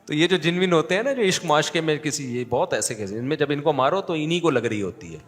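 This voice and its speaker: A male religious scholar telling stories in a sermon, animated and joking. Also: fairly high pitch, big-room sound, faint music behind. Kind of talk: sermon storytelling.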